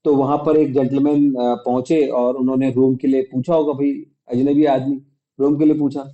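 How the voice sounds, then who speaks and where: A man's voice: mid-range voice, flat delivery, normal speed, phone-quality sound. A man from India telling a personal story in a casual vlog, chatty and acting out quoted dialogue, mixing in English words. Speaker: vlogger.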